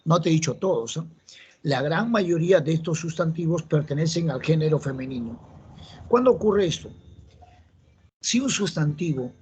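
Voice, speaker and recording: Husky Peruvian man teaching grammar. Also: fairly high pitch. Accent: Peruvian Spanish. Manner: explains patiently, repeats key rules, asks the class questions. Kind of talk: exam-prep grammar lesson.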